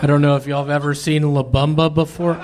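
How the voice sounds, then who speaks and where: A male stand-up comedian from Memphis, telling absurd jokes in a halting, deadpan way with many pauses. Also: on the high side, a loud crowd, very noisy. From Memphis, Tennessee.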